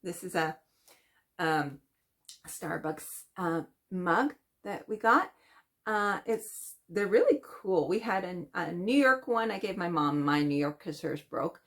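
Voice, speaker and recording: A woman's voice: on the low side, expressive, slow. A middle-aged Canadian woman chatting casually in a stitching vlog, meandering with many fillers and restarts. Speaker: cross-stitch vlogger. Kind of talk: casual rambling chat.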